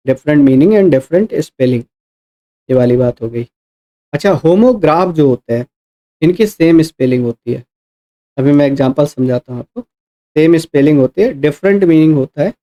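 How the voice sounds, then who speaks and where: A man's voice: fairly high pitch, mellow. A man with a Hindi accent teaching an exam-prep English vocabulary lesson, explaining step by step, repeating points and asking rhetorical questions. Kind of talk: classroom lecture in mixed Hindi and English.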